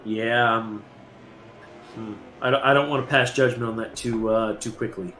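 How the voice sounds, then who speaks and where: A man working as color commentator on a sim racing stream, laid-back and joking, often halting and repeating his words. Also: medium pitch, steady tone, pushed and bright, roomy sound, slight background noise, low-quality recording.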